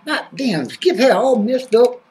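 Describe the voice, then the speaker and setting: A man's voice: very high voice, expressive, measured pace, a little mellow, recorded from a distance, soft background music, pitched above the performer's own voice. A man putting on a brash, bouncy self-praising character. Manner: brash, drawling, refers to himself in third person. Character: zany boastful male wrestling-fan character.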